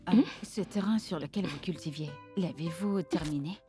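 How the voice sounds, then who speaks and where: A woman's voice: fairly low pitch, fairly quick, warm tone, soft background music, close to an everyday voice. An actress playing a woman who comforts a grieving friend, reassuring her again and again in a French-dubbed film. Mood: caring. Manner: soothing, repetitive reassurance.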